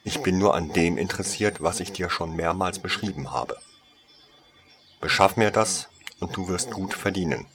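A man's voice: sits low, brisk, few pauses, fairly bright tone. A man voicing a cold, commanding noblewoman who hisses orders in a storybook reading.

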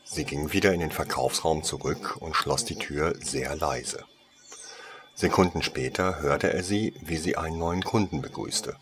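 A man narrating a story in a calm, steady reading voice. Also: rumbling low, unhurried.

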